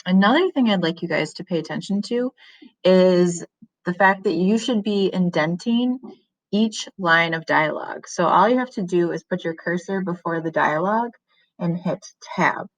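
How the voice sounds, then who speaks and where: A woman teaching a recorded lesson to her students, speaking casually and filling pauses with ums. Her voice sits fairly low. The recording is close and dry. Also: no room sound. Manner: casual explaining with many ums.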